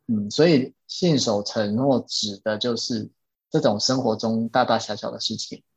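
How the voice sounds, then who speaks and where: A podcast host with a fairly low, slightly breathy voice speaks at normal speed in a casual chat, patiently explaining ideas from a self-help book and repeating his key points. The recording is dry, dull and lo-fi.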